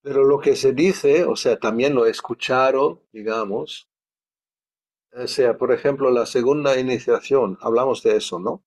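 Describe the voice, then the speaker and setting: A man's voice: medium pitch, normal speed, darkish tone. A man teaching a study class in a conversational way, thinking aloud and questioning as he goes.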